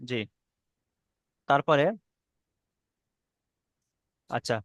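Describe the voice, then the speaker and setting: A man's voice: mid-range voice, fairly even intonation, extremely slow, a bit bright, dry recording, clean studio sound. A man teaching an online Arabic reading lesson with a Bengali accent, patiently spelling out letters and correcting students.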